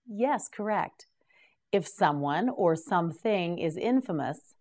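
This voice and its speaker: A woman teaching English vocabulary, saying each word slowly and patiently prompting the learner to repeat it. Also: fairly low pitch, darkish tone. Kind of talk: slow drilled word repetition.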